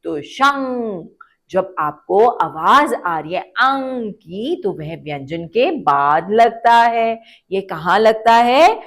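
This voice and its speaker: A woman's voice: medium pitch, lively intonation, slow pace. A woman teaching a phonics lesson to young children, stretching out words, repeating them and asking the children questions. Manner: asks the children questions, then answers. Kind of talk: slow, drawn-out phonics lesson for kids.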